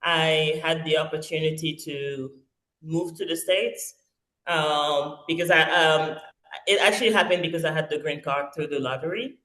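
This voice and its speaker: A woman in her forties, born in Congo-Kinshasa and raised in France, tells her story as a guest in a casual interview. Her low voice is hesitant, full of pauses, restarts, and soft ums, and the recording has an echoey, roomy sound.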